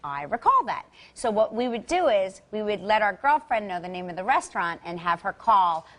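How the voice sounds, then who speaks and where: A woman hosting a daytime talk show in a studio before an audience, bubbly and quick to laugh. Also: medium pitch, very animated, fairly bright tone. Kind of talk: casual chat.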